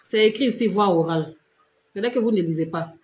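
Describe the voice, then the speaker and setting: A woman's voice: mid-range voice, a little fast, reverberant, background noise. A woman giving casual, insistent skincare and diet advice on a live stream, repeating herself and talking straight to her viewers. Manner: repetitive, direct, addresses viewers as tu and vous.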